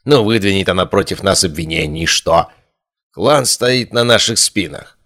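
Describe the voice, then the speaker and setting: A man voicing a gruff, contemptuous older male clan elder in an audiobook, speaking slowly and scornfully. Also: low-pitched, animated, sharp tone, exaggerated voice.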